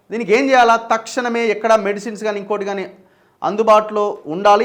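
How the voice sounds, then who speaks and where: A man with a Telangana Telugu accent, a journalist and channel host giving urgent, critical news commentary and rattling off items in quick lists. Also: high-pitched.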